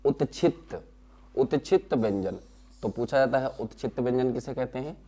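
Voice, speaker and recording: A man teaching a lesson, explaining slowly, sounding out syllables one by one, asking questions and answering them himself. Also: mid-range voice, dark tone. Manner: explains slowly, repeats key terms and answers his own questions. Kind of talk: classroom lesson.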